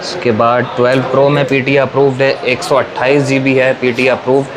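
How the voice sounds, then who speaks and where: A man with a Pakistani accent working as a phone seller, giving a repetitive sales pitch that lists models and prices. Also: flat delivery, fairly quick, crowd noise. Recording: noisy room with clear background noise.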